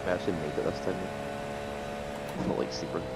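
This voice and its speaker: Low-voiced man over loud engine drone. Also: fast talker, gravelly. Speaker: sim racing teammate. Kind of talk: casual banter during a sim race. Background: loud vehicle hum.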